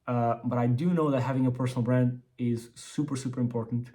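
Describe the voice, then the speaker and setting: Mellow-voiced man speaking with braces. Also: mid-range voice, steady tone, a little fast. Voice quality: slightly impeded articulation from wearing braces. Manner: rambling, repeats and restarts words. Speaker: entrepreneur vlogger. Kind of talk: casual business update vlog.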